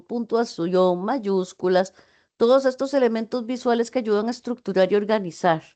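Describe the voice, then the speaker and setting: A woman's voice: fairly high pitch, dark tone. Female lecturer, online class, explanatory delivery with hesitant fillers and self-corrections. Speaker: university teacher.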